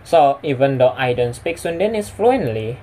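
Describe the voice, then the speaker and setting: A man's voice: medium pitch, very animated, moderate pace, a little mellow, a little hiss or hum. Young Indonesian-accented man giving a presentation. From West Sumatra, Indonesia. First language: Indonesian and Minang. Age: young adult. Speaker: student presenter. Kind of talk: prepared personal presentation to camera.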